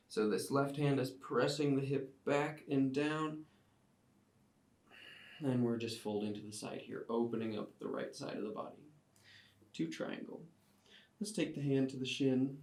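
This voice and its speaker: A man teaching a yoga class, giving calm step-by-step cues timed to the breath. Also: medium pitch. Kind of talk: guided yoga class instruction. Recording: roomy sound, mic at a distance.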